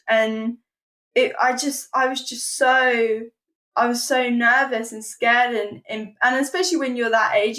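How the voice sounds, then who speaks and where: Earnest young woman, halting storytelling. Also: a little high, fairly bright tone. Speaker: podcast guest. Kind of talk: personal storytelling.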